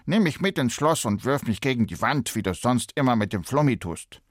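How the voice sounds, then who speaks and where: A man's voice: mid-range voice, big pitch swings, fairly quick, no room sound, clean studio sound, pitched above the performer's own voice. A man voicing a cheeky, slimy male frog in a spoken fairy tale, pushy and demanding.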